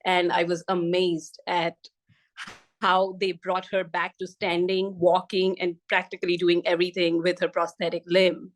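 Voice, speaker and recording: A middle-aged woman from India with an Indian English accent, a physical therapist speaking as a podcast guest in a measured, steady way. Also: on the low side. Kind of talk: podcast interview.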